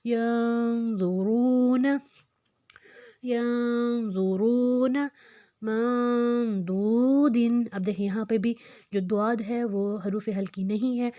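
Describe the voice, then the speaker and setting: A woman teaches Quran recitation, explaining rules quickly and stretching the recited words slowly and louder. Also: mid-range voice, fairly even intonation, dry recording, studio quality.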